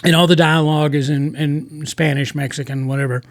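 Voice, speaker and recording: A man hosting a casual review podcast, talking in halting starts with many restarts. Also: fairly high pitch, fairly even intonation, dry recording, studio quality.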